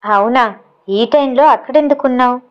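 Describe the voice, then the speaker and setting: A woman's voice: sits high, normal speed, lo-fi sound, lightly acted. A woman reading the lines of a young woman who teases and pleads playfully. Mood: teasing. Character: young woman, tearful then teasing.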